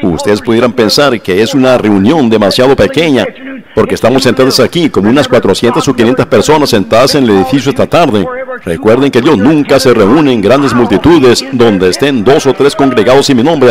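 A man voicing a translated sermon, fervent, exclaiming praise and speaking straight to his listeners, slowing down for emphatic phrases. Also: medium pitch, expressive, a crowd in the background. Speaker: preacher.

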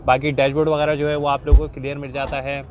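A Pakistani man in his 20s hosts a car market vlog, reviewing cars at an outdoor open market through a walkthrough and short interviews in a repetitive, explanatory patter. His medium-pitched voice is fast with little pitch movement. A phone held at arm's length picks up busy street market chatter.

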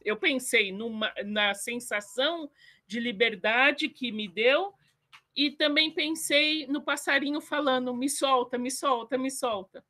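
A woman speaking through her computer mic on a video call in an online book club. Her voice sits a little high and she talks casually, often poking fun at herself. She slows right down when she reads her short poem aloud. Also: sharp tone. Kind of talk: casual online group chat.

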